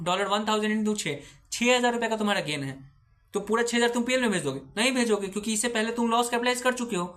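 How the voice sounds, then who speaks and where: A man's voice: high voice, a bit bright. A man giving a recorded accounting lecture who patiently asks questions and answers them himself, mixing English terms into his speech.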